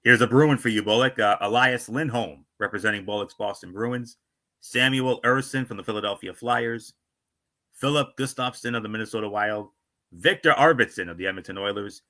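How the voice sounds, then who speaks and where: Reading out team rosters, a sports talk show host stumbles a little over the names and tosses in chatty asides. He has a lowish, bright and forceful voice at a normal speed.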